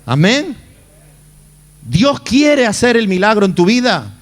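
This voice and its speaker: Male pastor, high voice, dramatic sermon delivery. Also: sing-song, slow. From Spain. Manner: dramatic, acts out the Bible figures' lines.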